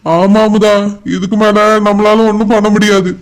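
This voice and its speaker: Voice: mid-range voice, level tone, moderate pace, close to an everyday voice. A voice actor playing a weary, resigned middle-aged father in a cartoon, with a Kanyakumari Tamil accent. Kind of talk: cartoon voice acting.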